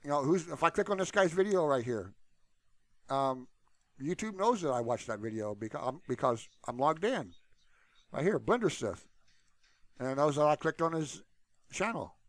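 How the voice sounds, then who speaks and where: This YouTube host is a man whose slightly high voice swings widely in pitch, moving at normal speed but with long pauses. Talking to his viewers in an informal, off-the-cuff ramble, he keeps saying "you know." The audio has no echo.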